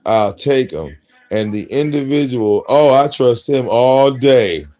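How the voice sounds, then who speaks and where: A man in his forties hosting a live stream, talking bluntly in profane slang and slipping into soft baby talk with his pets. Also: medium pitch, lively intonation, takes it slowly, soft background music. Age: 40s. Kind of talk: casual live-stream rant.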